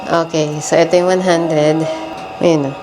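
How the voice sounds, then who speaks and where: Over music, a woman narrates a family travel vlog in a low-pitched, fairly even voice, speaking a little slowly. She chats casually to the camera, calling her viewers "guys" as she shows off a hotel laundry room and a convenience store, and the handheld audio is noisy.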